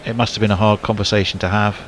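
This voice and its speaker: A man's voice: fairly low pitch, level tone, rapid-fire, slight background noise. A man doing casual ball-by-ball cricket commentary, rambling with fillers and restarts.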